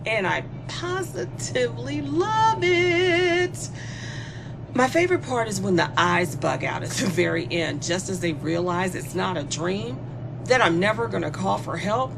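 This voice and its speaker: Taunting and chatty, a woman performs a horror monologue as a spoiled young killer with too much time on her hands, drawing out her gleeful musings. Her mid-range voice has a creaky quality, and the background is noisy.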